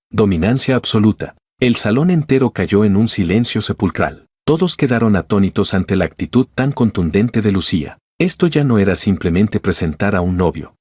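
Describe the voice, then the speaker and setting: A man narrating a first-person story in an even, scripted storytelling delivery. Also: lowish voice, husky, no room sound, clean studio sound.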